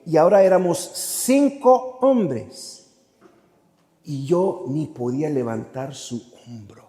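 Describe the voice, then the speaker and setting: Friar type, man with a slightly high voice, telling his story slowly in a big echoing church, voicing the people in it. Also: expressive, dark tone. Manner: vivid storyteller who acts out quotes and slips into English phrases. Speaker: Augustinian friar giving a parish talk. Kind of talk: storytelling testimony. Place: parish church. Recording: long church reverb.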